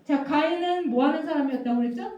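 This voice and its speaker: A woman pastor leads a children's sermon, drawing answers from the kids with questions and repeating the key words. Her voice sits high and warm. It comes from some way off the mic, through a muffled, strongly echoing church room. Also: fast talker, distant mic. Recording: very echoey room, voice from off-mic, dull sound.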